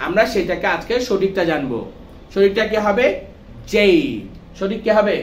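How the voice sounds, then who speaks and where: A man's voice: sits high, fairly quick. A man teaching English letter pronunciation, quizzing his class with repeated questions. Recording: echoey room with faint noise.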